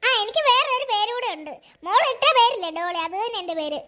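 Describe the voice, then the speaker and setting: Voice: extremely high pitch, animated, fast, bright, forceful tone, pitched below the performer's own voice, exaggerated voice. A performer voicing a magic Barbie doll in a cartoon, a doll girl who has grown big and talks in a curt, scolding way. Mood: soothing. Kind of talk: cartoon voice acting.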